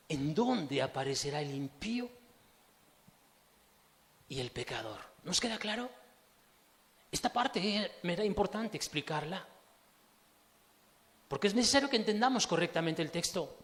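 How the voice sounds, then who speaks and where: A male pastor preaching to his congregation, emphatic, full of rhetorical questions, swinging from hushed to loud. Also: high-pitched. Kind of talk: sermon. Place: church hall. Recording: reverberant church hall.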